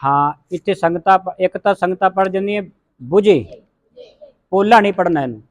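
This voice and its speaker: A man's voice: high voice, fast, very noisy. A man with a Punjabi accent teaching a class how to pronounce scripture words, sounding out letters and having the group repeat them. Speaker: Gurbani pronunciation teacher. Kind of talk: classroom recitation lesson.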